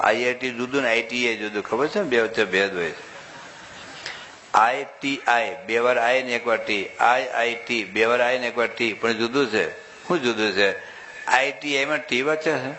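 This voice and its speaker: A male monk giving a humorous sermon to a live audience, talking in a lively, rhetorical way and quizzing the crowd for loud answers. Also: fairly low pitch, slight background noise, low-quality recording.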